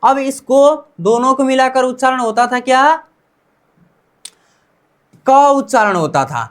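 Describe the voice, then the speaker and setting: Speaking in Hindi with an Indian accent, a woman teaches Korean pronunciation in a high, lively, unhurried voice. Each word gets repeated many times, and she asks her students questions before supplying the answers.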